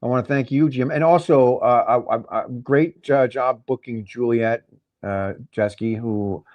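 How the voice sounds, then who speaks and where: A man's voice: mid-range voice, measured pace, lo-fi sound. A man appearing as a guest on a video call, chatting loosely and bluntly with frequent restarts. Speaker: guest commentator. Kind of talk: casual chat.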